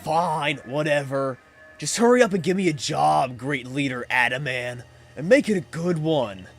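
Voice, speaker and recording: A man's voice: a little high, animated, unhurried, faint music behind. A man voicing an arrogant young male clan warden, in a drawling hippie-like voice full of haughty condescension. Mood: sulky.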